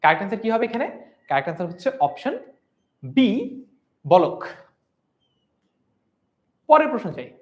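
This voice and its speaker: A man's voice: high voice, very animated, normal speed, long pauses, dull audio. Young male teacher for a live online revision class, voice rising and falling widely, asks questions and answers them himself. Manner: stretches out sounds to demonstrate pronunciation.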